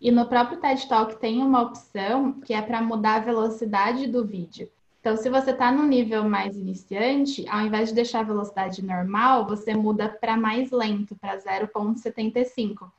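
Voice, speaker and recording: A woman's voice: fairly high pitch, normal speed, muffled recording. Woman giving tips, echoey room. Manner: explanatory, practical, speaks in steady instructive phrases. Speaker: guest giving language-learning tips. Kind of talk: casual advice in an interview.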